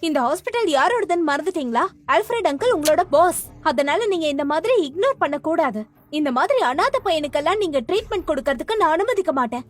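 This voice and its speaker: Dub casting: bossy, sneering rich girl villain, very high and lively. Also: quick pace. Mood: scornful. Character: spiteful young rich woman, villainess. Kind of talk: dubbed drama.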